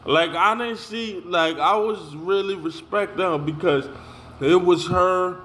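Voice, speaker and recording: Fired-up young man ranting, high voice. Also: unhurried, fairly bright tone. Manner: heated, repetitive, street slang, says "yo" a lot. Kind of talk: casual storytelling rant.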